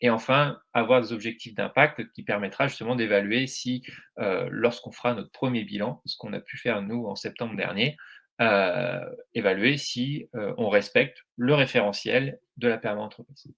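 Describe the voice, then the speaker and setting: A man's voice: on the low side, moderate pace, gravelly, fairly bright tone. A French man giving a presentation at a meetup, speaking hesitantly with many fillers and restarts. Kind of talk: presentation talk.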